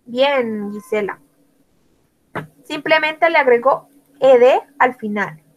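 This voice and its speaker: Woman teacher, fairly high voice, unhurried delivery; spells each word aloud and calls on students by name. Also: poor audio. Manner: slow, spells out words letter by letter. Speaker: English teacher. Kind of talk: online language lesson.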